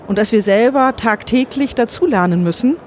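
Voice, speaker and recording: A woman giving thoughtful, earnest answers in an interview, measured and often correcting herself mid-sentence. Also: on the high side, a little mellow, slight background noise. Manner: earnest and optimistic. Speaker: interview guest.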